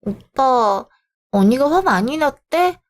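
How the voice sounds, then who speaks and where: A woman's voice: high-pitched, lively intonation, takes it slowly, faint music behind. A woman voicing a spoiled, sulky young sister-in-law who whines childishly. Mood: whiny.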